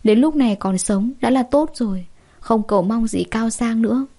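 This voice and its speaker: A woman narrator voicing a gentle older father whose voice is choked with emotion. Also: fairly high pitch, normal speed. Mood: resigned calm. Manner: choked, soft-spoken.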